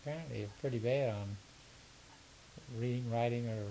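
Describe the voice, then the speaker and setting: Speaking at normal speed in a gravelly, medium-pitched voice, this older Southern American man is interviewed about his work as an education consultant. His casual answers are hesitant and rambling, with frequent repeated words, and the rough recording has a faint, steady hiss.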